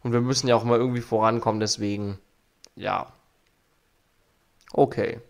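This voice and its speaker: He's a young let's play host with a cold, casually remarking on his game and voicing its text aloud. The tone is steady and creaky, mid-range, at normal speed, recorded on an arm-mounted studio mic over faint game music.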